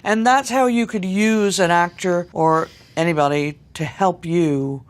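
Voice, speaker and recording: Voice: mid-range voice, measured pace. A dialect coach giving articulate instruction, stretching out sounds to demonstrate them.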